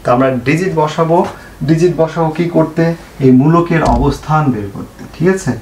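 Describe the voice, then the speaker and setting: A man's voice: fairly high pitch, a little fast, a little mellow. A male chemistry teacher giving an online lesson, asking questions and answering them himself and repeating the key points. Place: home room, fan switched off. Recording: echoey room, faint noise.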